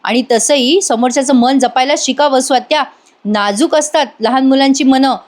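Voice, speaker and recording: An earnest young wife who is caring and protective, as a woman reader puts her on. She speaks sincerely and turns firm in a fairly high voice. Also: moderate pace, darkish tone, close to an everyday voice. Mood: indignant. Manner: earnest, firm when defending.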